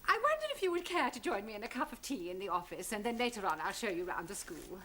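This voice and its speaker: A woman's voice: medium pitch, big pitch swings, fast talker, pushed and bright. An actress playing a prim, formal and bossy woman school head in a 1970s sitcom. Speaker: school principal. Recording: faintly hissy old TV broadcast.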